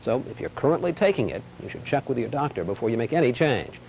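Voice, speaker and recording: A man's voice: medium pitch, very animated, quick pace, vocal fry, a little mellow, a little hiss or hum, rough recording. A male TV news correspondent rehearsing his piece to camera for a raw feed, repeating his lines and cursing at his own slips. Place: remote location.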